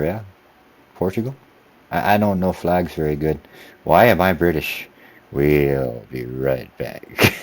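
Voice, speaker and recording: A man's voice: extremely low pitch, darkish tone. A man giving casual, rambling commentary to himself while playing a racing game. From United States. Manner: rambling self-talk while driving, easygoing. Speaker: sim racing video creator.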